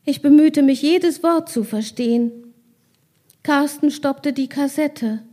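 Author reading aloud, slow, mellow and calm; higher woman's voice. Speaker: author reading her novel. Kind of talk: literary reading with casual asides.

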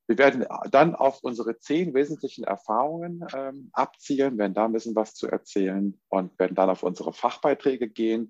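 A man from Germany hosting an online book launch, chatty and relaxed, with frequent fillers. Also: on the low side, dry recording. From Göttingen, Germany. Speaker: event host, coach. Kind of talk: online launch event presentation. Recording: dull dry online call audio.

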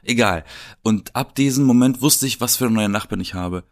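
Animated man telling a story. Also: medium pitch, brisk. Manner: animated, swears casually. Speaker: podcast co-host. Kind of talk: casual storytelling chat.

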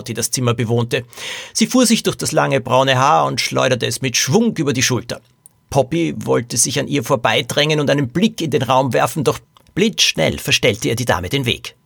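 A man narrating a detective story as host of a podcast, reading in a lively, animated way. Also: medium pitch, normal speed, vocal fry, no echo, studio quality.

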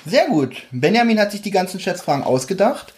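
A man's voice: high-pitched, big pitch swings, brisk, darkish tone, a little hiss or hum. A young man hosting a small quiz on a casual podcast in a room with friends, laid-back and stumbling over words now and then. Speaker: quiz host.

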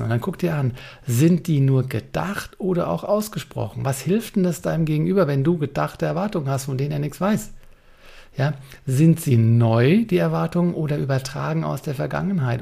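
Gravelly man, punchy coaching talk. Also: a little high, dark tone. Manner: punchy, rhetorical questions, addresses listener directly. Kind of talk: direct-to-camera talk.

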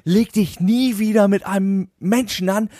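A man acting out a boastful, furious lonely man from a pub, ranting in a high, shouting voice. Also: steady tone, a little slow, dry recording, clean studio sound. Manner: shrill, shouting rant.

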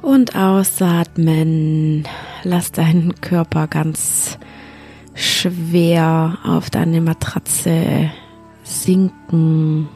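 A woman guides a sleep meditation in a soft, unhurried voice that often drops to a half-whisper. Her voice sits a little low and has a gravelly fry. Faint music plays behind her. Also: flat delivery. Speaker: podcast host, yoga teacher and mindfulness coach.

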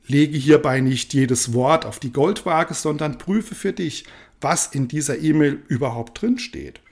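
Male podcast coach, slightly higher voice, calm and deliberate, speaks to the listener as du. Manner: addresses the listener directly and warmly with informal du; calm, deliberate storytelling with slowed phrases. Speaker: life coach and podcast host. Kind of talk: motivational podcast talk with a told parable.

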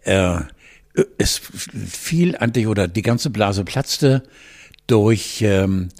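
A middle-aged man co-hosts a casual podcast, rambling through anecdotes and acting out the voices he quotes. He speaks slowly in a fairly low, slightly mellow voice.

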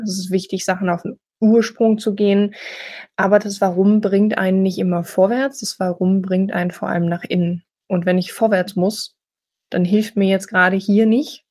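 A woman around thirty, a guest on a podcast, speaking bluntly and candidly in relaxed conversation. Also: medium pitch. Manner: outspoken, blunt, quick asides. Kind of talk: casual interview chat.

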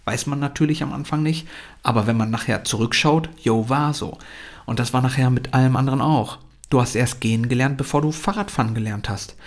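A young adult man hosting a podcast, delivering an energetic, emphatic motivational monologue and mixing in English phrases. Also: medium pitch, a little fast.

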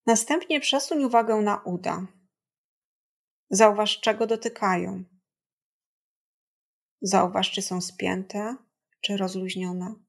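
A woman guiding a body scan meditation in a gentle, calm, soothing and measured way, leaving long pauses. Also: medium pitch, gravelly. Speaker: meditation guide.

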